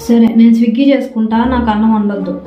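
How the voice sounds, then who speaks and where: A woman's voice: fairly high pitch, little pitch movement, racing. A young woman plays a daughter in a scripted family skit, talking back in a whiny way. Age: young adult. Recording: roomy, dull home recording with clear music.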